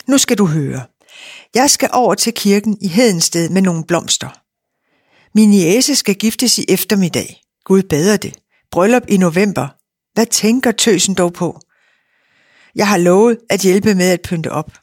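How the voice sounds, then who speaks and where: A woman reading aloud and voicing a big, brisk, middle-aged farm wife who talks a lot and gives orders, in a dry recording. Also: medium pitch, animated, a little mellow, no room sound, lightly acted. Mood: chatty. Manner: bossy and chatty.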